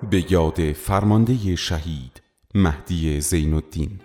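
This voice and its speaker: A man narrating a memorial war story in a slow, solemn storytelling manner. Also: low voice, dark tone, faint music behind.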